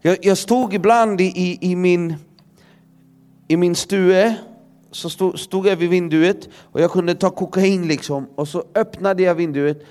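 A young man giving a personal testimony as a preacher, halting and earnest, often repeating his words. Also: high voice, fairly even intonation, a little mellow.

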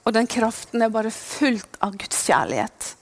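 Impassioned high-voiced woman preacher. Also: big pitch swings. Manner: impassioned, swings between hushed whispers and loud proclaiming. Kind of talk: sermon.

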